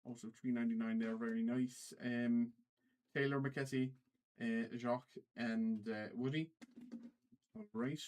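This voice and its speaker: Hosting a trading card livestream, a man puts on an Irish accent and calls out cards casually, stumbling along and saying things more than once. His pitch is medium, and the recording is poor quality.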